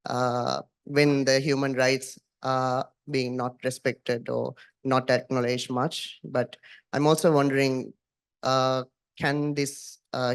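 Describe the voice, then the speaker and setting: A man's voice: medium pitch, smooth. A man from Sri Lanka standing in a large conference hall with a handheld mic, asking a panel a question with many hesitations. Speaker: audience questioner.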